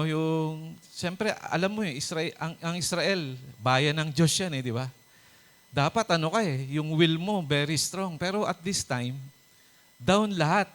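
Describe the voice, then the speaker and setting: A male pastor with a fairly high voice and fairly bright tone preaches a conversational sermon in a mix of Tagalog and English, often chuckling and checking in with "di ba?" and "Amen?". His delivery is hesitant, full of fillers and restarts.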